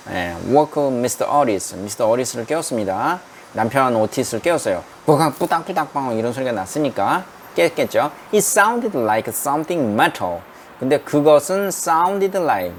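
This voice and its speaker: A male English lecturer with a mid-range voice leads a university reading lesson from a small room that isn't a studio, with slight background noise. He slowly reads sentences in English, explains them in Korean, then quizzes the class.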